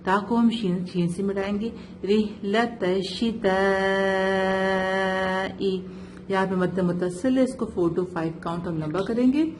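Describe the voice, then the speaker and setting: A woman tutoring a student in Quran recitation, speaking slowly and deliberately. She breaks words into their letter sounds and keeps asking whether the student follows. Her voice sits in a middle register, with a faint noise underneath. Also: mid-range voice, a little mellow. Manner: patient, slow, spells out sounds and checks "ٹھیک ہے؟" often. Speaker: Quran tajweed teacher. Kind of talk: one-on-one recitation lesson.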